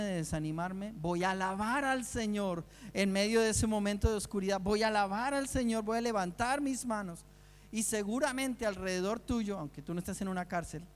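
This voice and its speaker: High-voiced man preaching in a reverberant hall. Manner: earnest preaching with rhetorical questions. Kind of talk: sermon.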